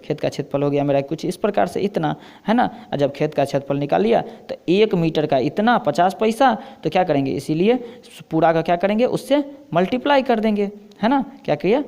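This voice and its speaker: Gravelly-voiced male Hindi maths teacher. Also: a little high, a little mellow. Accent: Bihari Hindi. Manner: explains step by step with repeated rhetorical questions. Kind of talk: blackboard lesson.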